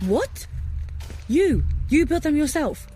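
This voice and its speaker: Flippant sceptical girl in an audio drama, highish swoopy voice, music behind. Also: sing-song, takes it slowly, mellow, heavily acted. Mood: incredulous. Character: sceptical, self-assured younger woman, comic seeker.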